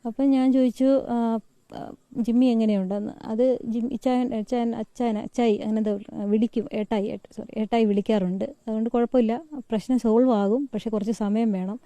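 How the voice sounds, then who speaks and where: A woman with a lilt recounts events to an interviewer in a halting way, pausing often on fillers and restarting her sentences. Her voice is very dark and mellow and sits a little high. The recording is dry and close. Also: fairly even intonation, no room sound. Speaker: friend giving an interview.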